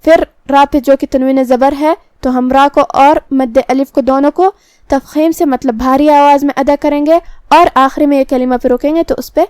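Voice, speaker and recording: Female recitation teacher, high clear voice, methodical and precise, dry close sound. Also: steady tone, dark tone, no echo. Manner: slow, methodical, precise articulation. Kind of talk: tajweed lesson explaining pronunciation rules.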